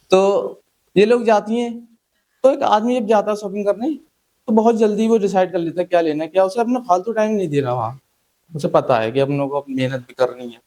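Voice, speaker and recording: A man's voice: high-pitched, normal speed, mellow, poor audio. A young man doing a stand-up comedy set, chatty and teasing the crowd, acting out the people he quotes.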